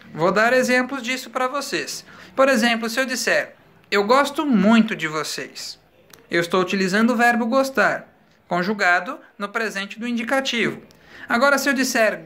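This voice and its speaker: A man teaches a recorded school lesson in a patient, explanatory way. His voice is bright and forward, and he slows down to spell words out letter by letter. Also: sits high.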